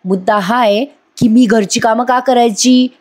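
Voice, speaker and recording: A woman's voice: on the high side, steady tone, unhurried, darkish tone, voice pushed up. A woman voicing a scheming young wife in a TV serial recap, whining and protesting in a raised voice.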